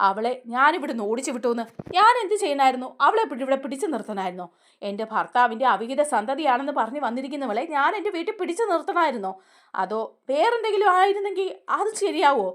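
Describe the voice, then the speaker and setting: A woman reads out a stubborn middle-aged mother, bitter and defensive. She talks fast with a raised, indignant pitch and snaps back at every accusation. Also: big pitch swings.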